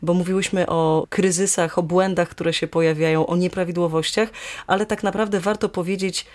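A woman hosting a radio interview, speaking in a measured way with frequent hesitations. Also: on the low side, fairly even intonation, a little mellow. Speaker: radio host.

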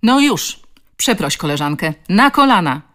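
Woman doing a booming tough woman scolding. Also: lively intonation, normal speed, a little mellow. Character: tough rough-spoken woman defending a child.

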